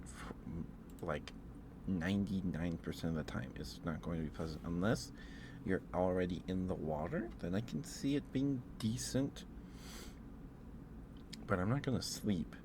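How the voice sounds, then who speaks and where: With background noise audible, a low-voiced man hosts an ASMR livestream, making casual conversation and lovingly cooing at those watching. Every so often he leans in to whisper right into the microphone.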